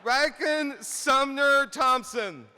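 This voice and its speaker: A man announcer at a high school graduation ceremony, calling out graduates' names in a slow, deliberate way. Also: sharp tone, long reverb tail. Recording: faint crowd and background noise.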